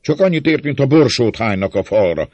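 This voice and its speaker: A man's voice: medium pitch, big pitch swings, a little mellow, dry recording, pitched above the performer's own voice. A man voicing a bold, jovial young male leader, speaking in a raised, hearty, declaiming voice in an audiobook. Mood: exasperated. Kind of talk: audiobook character voice.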